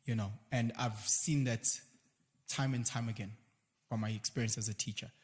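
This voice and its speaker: A South African man talking in a casual conversation as a guest, animated and slipping into quoted voices now and then. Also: medium pitch, normal speed, in a large hall.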